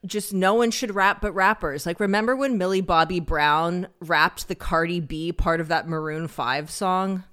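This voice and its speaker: A woman's voice: on the low side, normal speed, hardly any pauses, fairly bright tone, smooth. A woman co-hosting a casual podcast, opinionated, blunt and wry. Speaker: podcast co-host. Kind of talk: casual chat.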